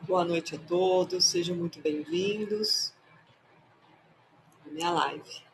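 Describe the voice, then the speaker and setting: A woman's voice: fairly low pitch, slow pace, slight background noise, rough recording. A woman hosting a casual live stream as a tarot reader, playful and chatty as she greets her viewers one by one.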